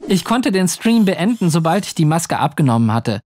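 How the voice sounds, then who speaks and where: A narrator reading a scripted first-person story in an expressive way. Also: medium pitch, moderate pace.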